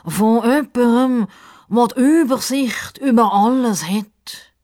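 A woman voicing a pompous, self-important male crocodile who talks slowly and condescendingly. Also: a little high, darkish tone, voice pushed up. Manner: slow, drawn-out, condescending.

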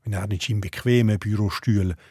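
A man with a Swiss German accent narrating a documentary report in a measured, descriptive way. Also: fairly low pitch, steady tone, darkish tone, dry recording, studio quality.

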